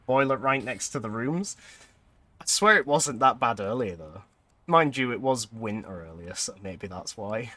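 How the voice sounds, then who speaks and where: A man thinking aloud as he plays a building game, rambling in a relaxed, conversational way. His voice sits in a middle pitch for a man, and his talk is broken by frequent chuckles and self-directed questions. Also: normal speed. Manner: chatty, thinks aloud, laughs often. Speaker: streamer. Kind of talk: casual gameplay commentary.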